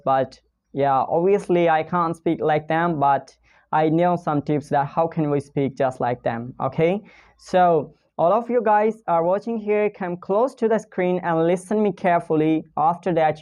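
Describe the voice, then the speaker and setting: A teacher with a mid-range, dark voice and a Pakistani accent gives a casual pronunciation lesson in non-native English. He repeats example sentences and keeps checking in with "okay?".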